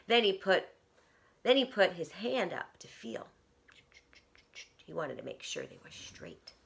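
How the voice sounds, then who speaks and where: Reading a picture book to young children the way a teacher would, a woman performs dramatically, slipping into hushed whispers and drawing listeners in with questions. Her voice sits on the low side with vocal fry, very animated, and her pace is a little slow.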